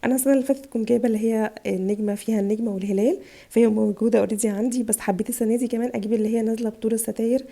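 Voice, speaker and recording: A woman's voice: fairly high pitch, fairly even intonation, very fast, vocal fry, mellow. A woman with an Egyptian Arabic accent, chatting casually and gushing as she shows her shopping haul, her voice tired from a chest cold. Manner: chatty, gushing over items. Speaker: vlogger, mother. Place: home in Italy.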